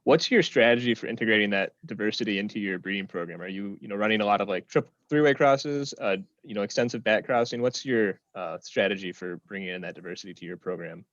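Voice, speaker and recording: Low-voiced man, dry muffled audio. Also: fast talker, hardly any pauses, fairly bright tone, no room sound. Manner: casual, with fillers like "you know". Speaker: audience questioner. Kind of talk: asking a question in a seminar.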